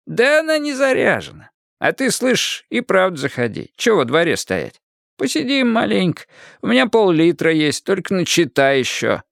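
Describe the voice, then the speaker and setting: A man's voice: high voice, huge pitch swings, moderate pace, gravelly, no room sound, studio quality, pitched above the performer's own voice, full character voice. A man voicing a cranky old male watchman who mocks and barks orders, in an audiobook. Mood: friendly. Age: older. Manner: shouting, mocking, bossy. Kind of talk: audiobook character voice.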